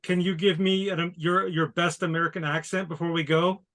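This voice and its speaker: A man's voice: a little high, little pitch movement, fairly quick, fairly bright tone. A man hosting an interview, chatting casually and laughing often. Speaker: interview host.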